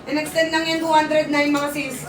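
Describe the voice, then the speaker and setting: A young Filipino woman hosting a live-selling stream, talking loud and near-shouting, urgent and repetitive as her voice gives out. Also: high voice, little pitch movement, normal speed, distant mic, a crowd in the background. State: losing her voice. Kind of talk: fast live-selling sales pitch. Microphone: phone. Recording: echoey room, off-mic, faint ambience.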